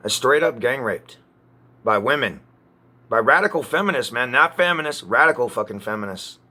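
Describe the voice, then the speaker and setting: A man ranting to camera in an agitated, profane way, often halting and restarting. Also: mid-range voice, lively intonation, bright, forceful tone. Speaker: vlogger.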